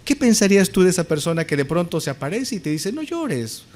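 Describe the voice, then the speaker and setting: Animated, emphatic male preacher. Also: high voice, quick pace. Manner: emphatic, asks the congregation rhetorical questions; addresses listeners as brothers. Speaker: pastor. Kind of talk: sermon.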